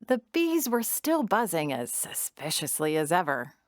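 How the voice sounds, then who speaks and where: A woman narrating a children's storybook audio drama in an expressive storytelling manner. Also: fairly low pitch, measured pace, dry recording, studio quality.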